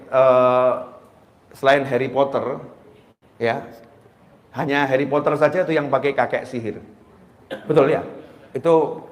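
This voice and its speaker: A man preaching a sermon, switching between loud calls and hushed asides. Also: medium pitch, echoey room. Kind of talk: Islamic sermon.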